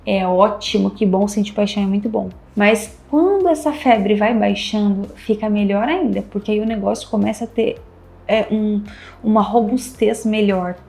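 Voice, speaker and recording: A Brazilian couples therapist gives relationship advice to camera in a casual, emphatic way, speaking with a Brazilian Portuguese accent. She repeats key phrases and acts out little dialogues. Her mid-range voice is creaky and a little mellow, at a normal speed.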